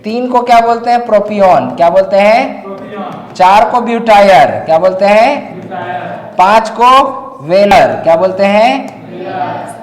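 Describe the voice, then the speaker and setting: A man with a Chhattisgarh accent teaching a chemistry class, asking students questions and then answering them himself. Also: high voice. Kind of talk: classroom lecture. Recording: echoey classroom with long reverb.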